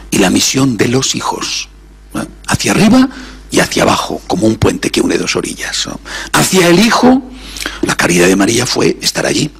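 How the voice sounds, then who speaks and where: A man, a priest, giving a reflective sermon, sometimes dropping to soft near-whispers and rising for emphasis. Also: medium pitch, vocal fry, slightly rough.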